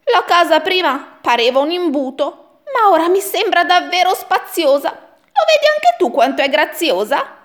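A woman voicing a fussy, grumbling little old woman in a rhyming storybook, with an exaggerated shrill delivery. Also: very animated, normal speed. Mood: delighted. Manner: shrill, exaggerated complaining in rhyme. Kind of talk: storybook reading.

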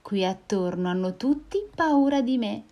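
A woman voicing a small, clever, boastful male mouse in a storybook reading, chirpy and quick-witted. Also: on the high side, lively intonation, muffled recording.

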